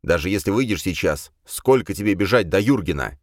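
A man reading an audiobook and voicing a tense young sorcerer who leads his group, speaking in a gruff, clipped, irritable way. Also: sits low, expressive, a little fast, dry recording, clean studio sound. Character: young male sorcerer, tense and defensive leader.

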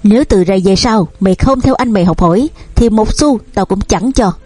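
A harsh old father who scolds his sons, read by a woman. The voice is mellow and a little husky, and the recording is dry. Faint music plays underneath. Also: mid-range voice, fairly quick, dry recording, lightly acted. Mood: furious. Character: stern angry old father, a company owner.

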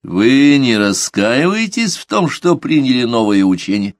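Reading an audiobook character, a man voices an older male cleric, a stern and grim inquisitor whose questioning is cold and probing. The voice sits at medium pitch with big swings and a measured pace, recorded at studio quality with no echo.

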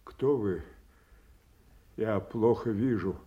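An actor playing a frail, confused old king stricken with grief, speaking haltingly with long pauses in classical stage style. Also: lowish voice, muffled recording. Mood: dazed, weary. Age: older. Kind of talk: classical theatrical audio drama acting.

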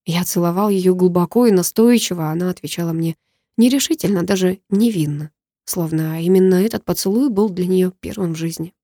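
A woman's voice: fairly low pitch, a little fast, warm tone, no room sound, studio quality. A woman narrating a first-person audiobook with tense, emotional storytelling.

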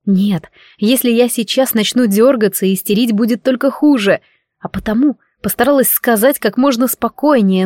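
A woman narrating a first-person novel as an audiobook, with a steady, even delivery. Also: a little high, no echo, studio quality.

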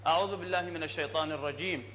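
A man with an Iraqi Arabic accent teaching Quran recitation to a class, explaining plainly, checking often with his students and chanting verses slowly. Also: on the high side, fairly even intonation. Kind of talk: classroom tajweed lesson. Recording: dull lo-fi hall recording, faint hum.

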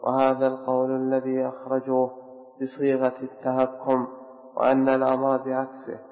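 A man reading a religious commentary aloud to a teacher in a measured, slightly sung recitation. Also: medium pitch, monotone. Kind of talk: chanted reading of a religious text. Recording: dull recording in a reverberant hall with faint music.

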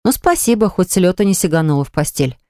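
An audiobook narrator voicing a jealous, hot-tempered man who snarls and hisses his lines low. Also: animated, fast, mellow, no echo, studio quality, natural voice. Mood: defensive.

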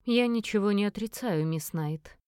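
A woman voicing a calm, dry elderly male mayor who speaks in a measured, slightly mocking way. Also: lowish voice, dry recording, natural voice.

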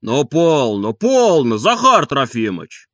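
A man voicing a yard-keeper in an audiobook who pleads to calm a quarrel. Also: sits high, measured pace, no echo, studio quality, voice pushed up, exaggerated voice. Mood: pleading. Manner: soothing, pleading. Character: placating male yard-keeper, trying to calm a fight.

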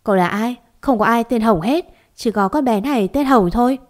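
A woman voicing a kind, motherly village woman who speaks gently and turns tearful. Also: fairly high pitch, brisk, close to an everyday voice. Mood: gentle.

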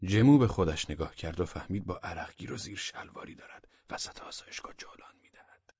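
A male audiobook narrator reads in a low, husky voice with warm, measured pacing, sometimes dropping to near-whispers. The recording is dry and slightly dull, without much room sound. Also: lively intonation, no room sound.

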